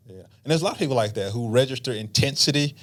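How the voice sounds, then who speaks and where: A middle-aged man, a marriage counselor on a podcast, explaining in a relaxed, talkative way and acting out couples' lines. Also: mid-range voice, racing. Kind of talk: casual podcast conversation.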